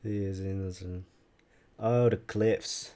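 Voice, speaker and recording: While building live on stream, a young man whose native language is Dutch talks in English, low and mellow, drawing out his words slowly. He stays relaxed, thinking out loud and responding to viewers' questions as they roll in.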